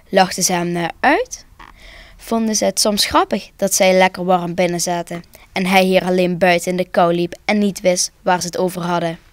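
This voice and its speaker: A woman narrating a children's Christmas story for broadcast, calm and expressive. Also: medium pitch, dry recording.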